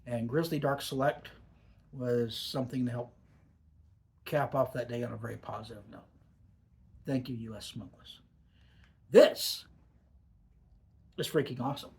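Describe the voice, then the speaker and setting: A man of medium pitch chats through a casual product review. His lip is packed with dip as he talks. He speaks in an emphatic, savouring way, drawing out words for weight. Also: fairly even intonation, normal speed, gravelly, pauses often. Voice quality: talking with a lip full of dip pouches.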